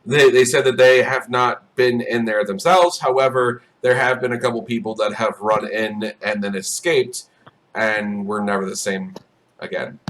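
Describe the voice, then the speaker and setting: A man leads a tabletop game as dungeon master. His voice sits at an ordinary pitch, and he talks loosely, stalling on ums and uhs as he narrates the scene. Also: moderate pace, fairly bright tone.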